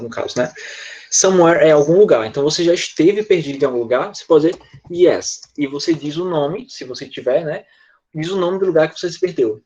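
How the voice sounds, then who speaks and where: Teaching English in an online class, a man with a Brazilian Portuguese accent chats and jokes, slowing down to model English phrases. His voice is a little high with a darkish tone, and the highs are cut off.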